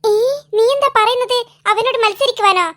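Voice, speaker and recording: A woman's voice: extremely high pitch, a little fast, bright, forceful tone. A woman voicing a timid, nervous little boy in a cartoon, speaking in a doubtful, hesitant way. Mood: puzzled. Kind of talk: cartoon voice acting.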